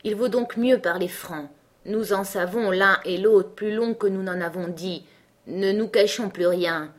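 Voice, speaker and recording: A woman reading a calm male lawyer. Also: mid-range voice, a little slow, close to an everyday voice. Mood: measured. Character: composed middle-aged male lawyer, reasoning. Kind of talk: audiobook character reading.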